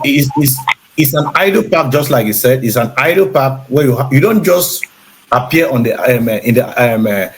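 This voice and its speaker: A man as a talk show guest, speaking haltingly with many restarts. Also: medium pitch, slight background noise, rough recording.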